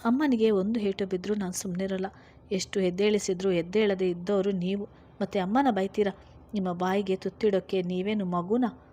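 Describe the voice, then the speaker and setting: A fierce, defiant elder daughter who stands up to her father, nearly shouting, as a woman narrator puts her on. Her voice is everyday in pitch and forceful, in a spoken storybook. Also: steady tone, brisk, close to an everyday voice.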